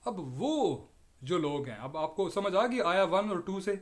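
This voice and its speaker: A man's voice: high voice, big pitch swings. A man explaining scripture verses in an online class. He often checks in with "okay?", repeats phrases and mixes in English words. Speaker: Quran teacher.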